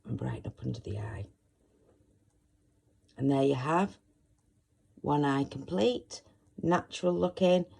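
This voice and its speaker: A woman hosting a step-by-step makeup tutorial, talking in a soft, chatty way as she demonstrates, with a croaky voice. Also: very deep voice, expressive, measured pace, pauses often.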